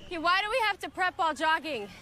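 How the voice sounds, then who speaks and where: A woman's voice: extremely high pitch, animated. An actress playing a driven, blunt young female student, out of breath from jogging in a film. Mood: breathless. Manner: quick, blunt, exasperated questioning. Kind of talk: film dialogue. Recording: outdoor noise audible.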